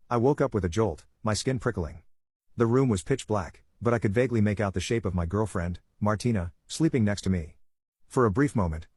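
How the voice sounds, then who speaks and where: A man with a husky voice reading a scripted first-person story as narrator. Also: on the low side, a little mellow, no room sound.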